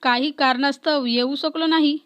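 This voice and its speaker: A woman's voice: sits high, fairly even intonation, normal speed, a bit bright, dull audio. A woman voicing a young man, a playful older brother who speaks in a mock-formal way.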